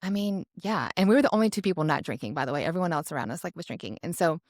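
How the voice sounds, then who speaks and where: Young woman rambling through a story on a podcast, kinda low voice, very dry close sound. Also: racing, no echo. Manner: chatty, frequent "like" and self-corrections; animated when quoting herself. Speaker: podcast co-host. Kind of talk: casual personal storytelling.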